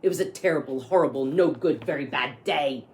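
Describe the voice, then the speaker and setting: A woman's voice: extremely low pitch, fairly quick, a little mellow, pitched below the performer's own voice. A woman voicing a grumpy, aggrieved young boy who narrates his bad day in a storybook, with emphatic complaining.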